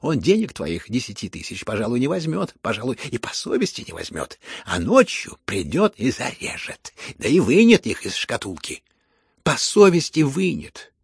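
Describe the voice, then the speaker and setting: A man reading a furious, hysterical elderly noblewoman who scolds everyone around her, in shrill raised bursts. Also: big pitch swings, fairly quick, creaky, hardly any pauses, husky, no room sound, clean studio sound, exaggerated voice. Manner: shrill scolding outbursts, rising to shouts.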